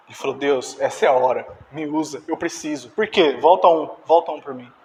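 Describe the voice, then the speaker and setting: A man preaching a sermon in an animated way, acting out dialogue and directing the slides. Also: a little high, a little fast, a little hiss or hum. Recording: distant reverberant church hall.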